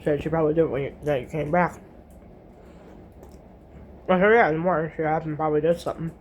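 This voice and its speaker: A woman's voice: deep voice, steady tone, fast talker, darkish tone, lo-fi sound, a little hiss or hum. A middle-aged woman retelling a dispute in casual chat, blunt and swearing freely, quoting each exchange. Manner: chatty, retells conversations with many "I said, she goes". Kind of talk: casual storytelling.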